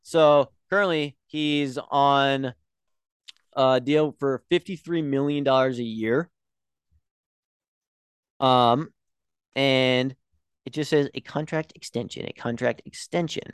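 A young man co-hosting a casual podcast chat, telling animated stories and swearing freely. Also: mid-range voice, takes it slowly, long pauses, clear, resonant tone, dry recording. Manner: animated storyteller, swears freely, acts out quotes. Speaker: podcast co-host.

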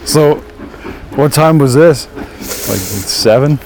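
A man's voice: mid-range voice, expressive, drawn-out words, background noise. A man co-hosting a podcast, chatting casually while walking outside, dry and profane, laughing often. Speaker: podcast co-host.

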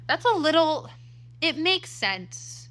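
This podcast co-host, a woman in her twenties, speaks slowly in a high, very animated voice that comes across pushed and bright. Chatting casually, she rambles, corrects herself, and laughs often, too close to the mic with slight background noise.

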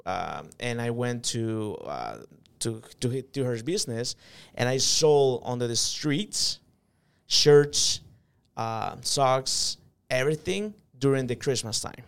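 A man's voice: medium pitch, lively intonation, takes it slowly, creaky, smooth. A man from El Salvador, telling his life story as an interview guest in an earnest, reflective way with hesitant fillers. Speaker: interview guest, company manager.

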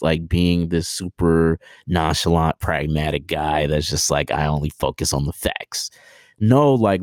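A man in his twenties, a podcast guest, talking in a relaxed, rambling, slangy way with many fillers and restarts. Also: sits low, smooth, no room sound, studio quality. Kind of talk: casual interview chat.

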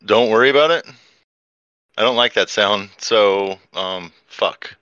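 A man's voice: fairly low pitch, measured pace, sharp tone, clean tone, no echo, muffled recording. A man playing a tabletop role-playing game, talking through his moves with fillers and the odd swear. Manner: hesitant, swears, many fillers. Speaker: player. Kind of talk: tabletop game play, casual.

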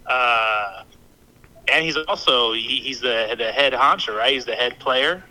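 A man on a phone call played through a speaker, chatting casually about sports as a guest and stating his views with calm confidence. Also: medium pitch, unhurried. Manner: relaxed, sure of his opinions. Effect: heard over a phone on speaker. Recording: phone speaker audio, a bit distant.

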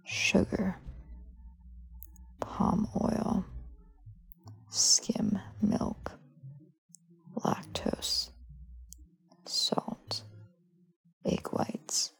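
A woman hosting a sleep podcast, whispering slowly and softly as she reads lists item by item. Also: fairly low pitch, low-quality recording. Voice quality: breathy, husky whisper. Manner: slow soft whisper, reading list items one by one. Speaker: podcast host.

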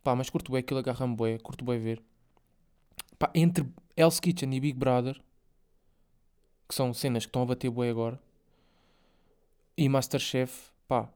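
A man's voice: medium pitch, a little mellow, smooth. A young man with a European Portuguese accent hosting a casual solo podcast, rambling in slangy, filler-heavy speech with swearing. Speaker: podcast host.

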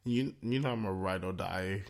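A young man hosting a podcast, relaxed and chatty, with plenty of fillers, raising his voice to act out quotes. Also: low-pitched, moderate pace, gravelly. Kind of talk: casual podcast chat.

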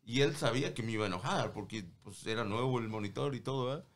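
A man's voice: mid-range voice, fast. A man with a Mexican accent, co-hosting a podcast and telling a rambling, slangy story full of fillers. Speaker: podcast co-host. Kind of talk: casual storytelling.

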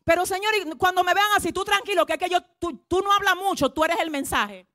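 A woman pastor preaches with a high, bright voice, leading the congregation in call-and-response. She drops to near-whispered asides, then rises to loud proclamations. The sound is dry and close, with little room echo. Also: a little fast. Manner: swings from hushed asides to loud shouted proclamations. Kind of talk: sermon.

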